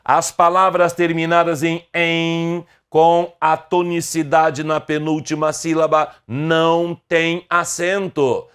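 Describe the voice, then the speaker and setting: A middle-aged Brazilian man teaching an online grammar lesson, slow and deliberate, asking his viewers question after question. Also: on the high side, flat delivery, a bit bright, smooth.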